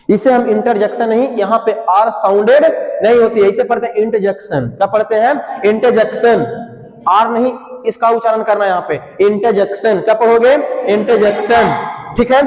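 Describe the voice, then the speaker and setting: A man with a high voice teaches English grammar to a class, asking the same question again and again and answering it himself to drill the pronunciation. His voice rings around an echoey room with a long reverb tail. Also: darkish tone. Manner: drills pronunciation with repeated call-and-response questions.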